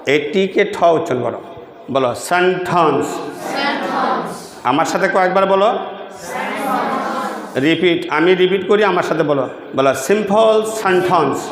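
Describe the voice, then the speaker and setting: A man leads an English pronunciation lesson, saying phrases slowly and checking in with his students. His voice sits fairly high. The recording has a roomy echo with a long tail. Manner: drills pronunciation slowly, asks students to repeat; checks in often with rhetorical questions. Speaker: English teacher. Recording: echoey room with long reverb.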